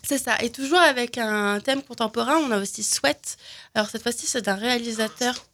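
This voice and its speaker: A woman's voice: on the high side, moderate pace, fairly bright tone. A woman recommending films in casual chat, talking with many fillers and restarts. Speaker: film recommendation guest. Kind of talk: casual radio film chat.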